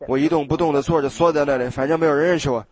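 A male preacher telling a story in a sermon, animated and stammering at times, recorded live with audience sound. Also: a little high, racing.

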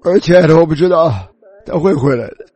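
High-voiced man preaching, tearful and pleading. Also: a little fast, a little mellow. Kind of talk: sermon, personal testimony.

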